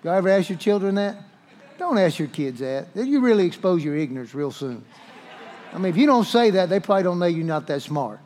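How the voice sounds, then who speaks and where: A male pastor delivering a sermon in a folksy, humorous and animated way. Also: sits high, a little fast.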